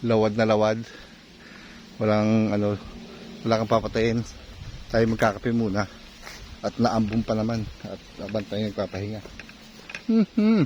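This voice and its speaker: Brief: chatty farmer vlogger, low man's voice, talking while he works outdoors, faint insects behind. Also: level tone, moderate pace, long pauses, a little mellow, highs cut off, slight background noise. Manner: chatty, talks to viewers while working, often asks "di ba?". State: out of breath at times. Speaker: farm vlogger. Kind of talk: casual narration while clearing brush. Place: outdoors on a farm field.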